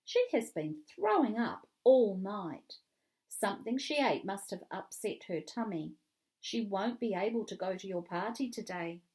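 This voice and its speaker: A woman reading a children's book aloud with clear, expressive storytelling. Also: mid-range voice, measured pace. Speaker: reader.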